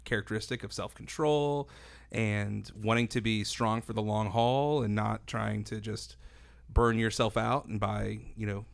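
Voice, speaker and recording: A man co-hosts a casual podcast. He speaks low with a gravelly edge and throws in dry jokes, then works through his views slowly with many restarts. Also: fairly even intonation. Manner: wry quips, thoughtful with many restarts. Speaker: podcast co-host. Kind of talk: casual chat.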